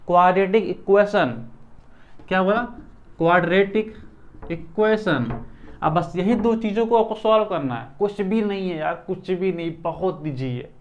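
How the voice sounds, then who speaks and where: A man's voice: sits high, muffled recording. A man teaching math in a casual classroom lecture, chatty, repeating questions back to his students.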